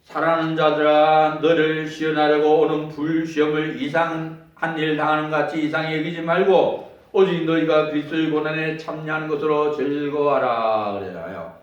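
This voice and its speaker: A male pastor delivers an emphatic sermon, repeating key phrases and drawing responses from his listeners. His voice sits somewhat high for a man. It rings through a very echoey church hall, picked up from a distance. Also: level tone, moderate pace, highs cut off. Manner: emphatic, repetitive preaching with call-and-response. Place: church sanctuary.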